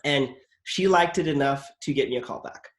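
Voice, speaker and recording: An actor who also hosts a podcast talks in a mid-range voice at a moderate pace. On his easygoing interview show he rambles through acting stories, leaning on "like" and restarting his thoughts again and again.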